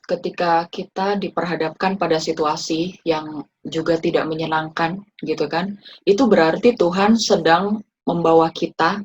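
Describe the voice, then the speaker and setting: A woman hosting a casual faith talk, relaxed and chatty, with many fillers as she asks her guest questions. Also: on the low side, normal speed, slightly rough. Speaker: host. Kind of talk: casual podcast interview. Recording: dull lo-fi sound.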